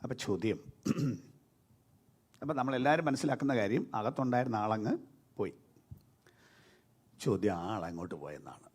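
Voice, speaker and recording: Animated Malayali pastor preaching. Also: male voice, lowish voice, breathy edge. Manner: lively preaching, rising and dropping sharply between loud and soft; mixes English words into his speech. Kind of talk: sermon.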